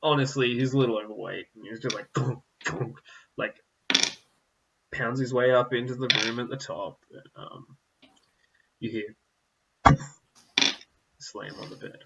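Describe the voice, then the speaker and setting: A man's voice: medium pitch, normal speed, gravelly, long pauses, highs cut off, very noisy. A man narrating a tabletop game as game master, meandering and full of fillers.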